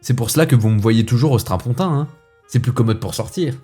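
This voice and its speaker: A man playing a fussy, indignant gentleman who rants with theatrical asides, as in a comic stage monologue. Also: medium pitch, a little fast, breathy edge, faint music behind, pitched above the performer's own voice, natural voice. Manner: huffy, ranting, theatrical asides.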